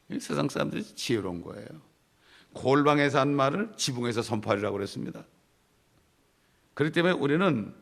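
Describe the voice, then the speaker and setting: A middle-aged man preaches a Bible study with a gravelly, creaky edge to his voice. He leans into his points emphatically and speaks in a conversational way, often addressing the congregation directly. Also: mid-range voice, a bit bright. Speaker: pastor.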